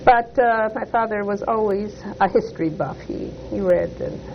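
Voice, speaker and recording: An older person from Detroit, United States, with Polish heritage, gives an oral history interview, slowly and reflectively recounting a family life story. The gravelly, middling-pitched voice hesitates often, full of "uh" pauses and self-corrections. The recording is muffled lo-fi tape with a steady, clear hiss.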